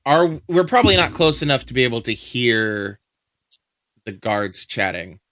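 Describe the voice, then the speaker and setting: A man playing a tabletop game, halting and thinking aloud as he plans his character's moves. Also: medium pitch, very animated, pushed and bright, dry recording, clean studio sound. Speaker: player.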